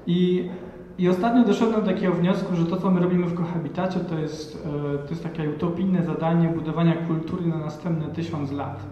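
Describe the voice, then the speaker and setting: A man's voice: a little high, steady tone, a little fast, mellow, slight background noise. Thirties male speaker from Poland, hesitant, heard from a distance through a dull, long-reverb hall. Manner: hesitant, many fillers and restarts. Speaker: panel speaker. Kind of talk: reflective talk at an event. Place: large hall with audience. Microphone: handheld mic.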